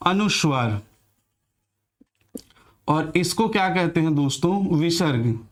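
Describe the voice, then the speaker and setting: High-voiced male Hindi grammar teacher. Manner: repeats questions and answers them himself, addresses viewers as friends; sounds out letters slowly for practice. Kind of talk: classroom lecture.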